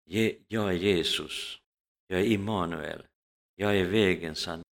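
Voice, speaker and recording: Preacher quoting Jesus, solemn, measured, low gravelly voice. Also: male voice, big-room sound. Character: Jesus speaking with calm authority.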